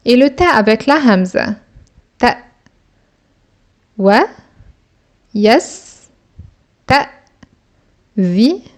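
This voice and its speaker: Very slow, deliberate woman teacher. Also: on the high side, darkish tone. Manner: slow, deliberate, sounding out each syllable. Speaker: Quran reading teacher. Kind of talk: syllable-by-syllable reading lesson.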